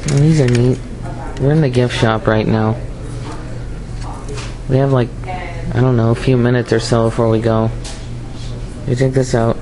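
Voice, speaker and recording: A man's voice: mid-range voice, fairly even intonation, normal speed, long pauses, a crowd in the background, rough recording. A man chatting casually and idly as he films his visit in a gift shop. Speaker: vlogger on a tour. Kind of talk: casual vlog chat, filming a visit.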